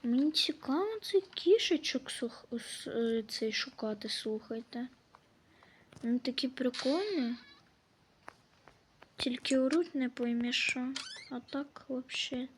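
A woman's voice: sits high, expressive, a little hiss or hum. A woman giving casual let's-play commentary, scolding and swearing at the game characters as she plays. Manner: slow, drawn-out delivery. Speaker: gameplay commentator.

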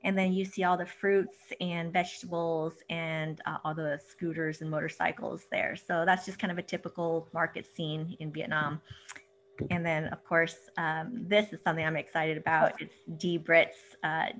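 A woman's voice: low voice, little pitch movement, normal speed, a bit bright, slight background noise. Chatty woman on a video call. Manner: chatty, filler-heavy, laughs easily. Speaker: author sharing photos. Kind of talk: casual video-call book discussion.

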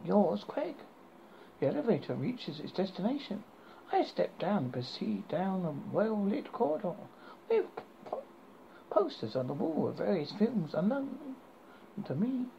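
British male horror host, gravelly and swooping. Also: high voice, big pitch swings, dull audio, slight background noise. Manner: halting, stumbling over the script. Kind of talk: horror host reading a scripted scary story.

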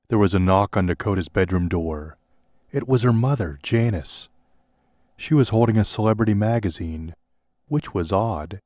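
A man narrating a parody audiobook in a deadpan way. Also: lowish voice, no echo, clean studio sound.

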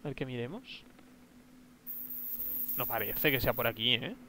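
A man's voice: mid-range voice, measured pace, background noise. A man streaming a horror game live, thinking aloud, easily startled and yelping at scares. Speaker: livestreaming gamer.

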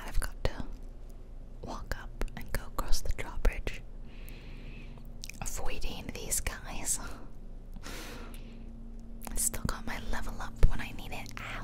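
She's a game streamer doing ASMR, murmuring lighthearted remarks in a slow, hushed whisper while she plays, and she seems worn out.

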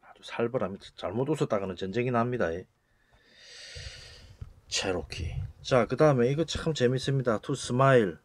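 A man giving a casual spoken lecture as a channel host, acting out rough retorts with sudden loud bursts. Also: medium pitch, moderate pace, no echo. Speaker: channel host explaining word origins.

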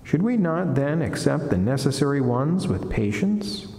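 In a wood-panelled chapel with long, echoing reverb, a middle-aged friar reads a saint's life and reflection into a lectern gooseneck microphone. His solemn devotional delivery is measured, deliberate and formal, with a fairly high, sing-song, warm voice and slight background noise.

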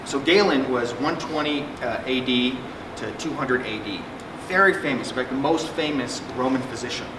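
Speaking at a moderate pace with few pauses and a medium-pitched voice, this middle-aged psychiatrist presents at a symposium in a conversational, jokey manner, often using fillers and starting sentences over. The setting is a conference room with a projector screen, recorded from afar in an echoey space with air conditioning humming.

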